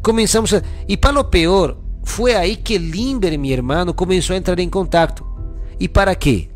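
A man's voice: high voice, normal speed, faint music behind. A young man telling his own story casually, repeating himself and often asking the listener "you know?". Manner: repetitive, restarts, keeps asking "you know?". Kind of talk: casual first-person storytelling.

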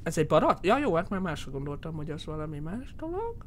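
A man with a Hungarian accent giving horror game commentary, yelling in panic at the scares and muttering low between them. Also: very animated, slight background noise. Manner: screams and yells in panic at scares, then drops to low muttering. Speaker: gaming streamer.

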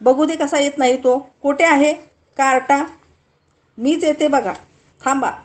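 A woman voicing a stern mother who scolds sharply and later softens. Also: high voice, normal speed, close to an everyday voice. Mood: angry scolding.

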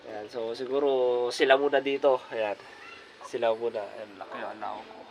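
A man talks casually to his viewers in a yard, stuffy from a cold and filling his sentences with the same little words again and again. His voice sits at an ordinary middle pitch. It is recorded on a phone outdoors with music playing underneath. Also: steady tone, moderate pace, vocal fry, poor audio. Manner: chatty, repeats filler words often, addresses viewers directly. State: has a cold. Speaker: vlogger showing his bird cage. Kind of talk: casual vlog walkthrough. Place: outdoors in a yard beside a large bird cage.

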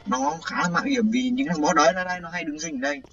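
Excitable man panicking while gaming. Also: sits high, rapid-fire, gravelly, distant mic. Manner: excitable, panicky outbursts, repeating words. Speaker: gaming livestreamer. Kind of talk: live gameplay commentary. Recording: dull lo-fi sound with faint game music.

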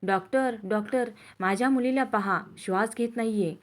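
Woman storyteller doing a desperate mother, pleading and tender, fairly high voice, in a storybook reading. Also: normal speed, close to an everyday voice. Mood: frantic pleading. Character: frantic mother of a sick little girl.

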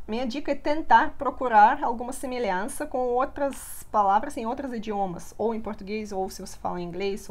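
A young woman, a native Russian speaker, teaching a live online language lesson in a lively way, often checking in with her listeners. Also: fairly high pitch.

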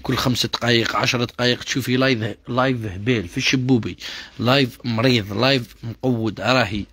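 A man with an Algerian accent, a shop seller doing a repetitive, pushy live sales pitch to his viewers. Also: steady tone, quick pace, a bit bright, a little hiss or hum. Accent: Algerian Arabic.

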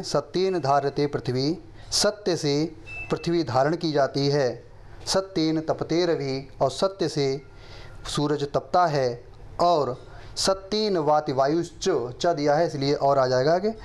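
Man teaching verses, slow chanting. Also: fairly high pitch, a little mellow. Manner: slow chanted recitation of verses between quick explanations. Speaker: Sanskrit teacher. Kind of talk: classroom lesson explaining verses.

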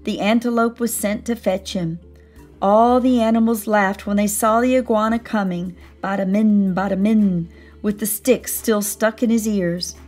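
Animated woman reading a storybook aloud. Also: mid-range voice, normal speed, faint music behind. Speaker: storybook reader. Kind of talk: expressive read-aloud narration.

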